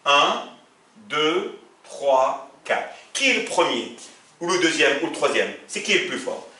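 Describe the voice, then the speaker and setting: Man teaching a class, slow careful delivery, lively pitch, echoey room, mic some distance away. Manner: asks the class questions and answers them himself; often tells listeners to look at the board. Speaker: Arabic teacher. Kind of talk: classroom lesson explaining grammar.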